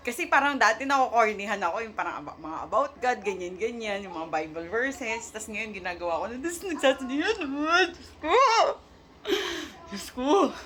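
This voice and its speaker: A high-pitched woman tells her viewers about her faith in an emotional, halting way, searching for words and switching between languages. She sounds near tears and shaky at times. A faint hiss of noise sits behind her voice. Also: very animated, bright, forceful tone. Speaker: vlogger sharing a faith testimony. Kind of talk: emotional casual testimony to viewers.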